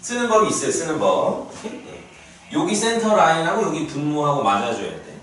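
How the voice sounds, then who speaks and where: Lively male teacher in echoey classroom. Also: a little high, normal speed. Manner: lively, asks students frequent check-in questions. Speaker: math teacher. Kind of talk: classroom math lecture. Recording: echoey classroom from far off, faint noise.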